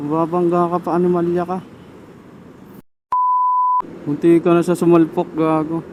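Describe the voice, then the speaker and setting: A man with a Filipino accent vlogs from his motorcycle in traffic through a helmet intercom mic, casually muttering and swearing to himself. His voice is fairly high and monotone at a measured pace, and the recording is very noisy.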